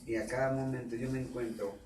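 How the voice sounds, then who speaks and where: A man with a Mexican Spanish accent preaching a sermon, repeating himself and asking the congregation rhetorical questions, at times suddenly loud. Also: medium pitch, level tone, fast talker. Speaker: pastor. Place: church. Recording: echoey room, distant mic, faint background noise.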